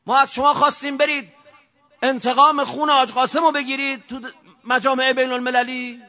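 A man, a cleric, giving an impassioned political sermon, firing off rhetorical questions and swinging from shouting to low, intense speech. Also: level tone. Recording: dull lo-fi recording.

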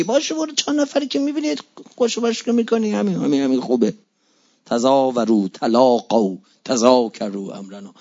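A man preaching a sermon with passion, dropping to low murmurs and rising to high exclamations, repeating phrases for emphasis and reciting Arabic sayings slowly. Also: darkish tone. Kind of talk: religious sermon. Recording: dull lo-fi recording.

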